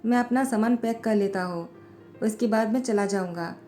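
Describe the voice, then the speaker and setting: A woman voicing a timid, gentle young man who speaks meekly and pleadingly in a storybook narration, with faint music behind her. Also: mid-range voice, normal speed, lightly acted. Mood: sad. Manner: meek, pleading.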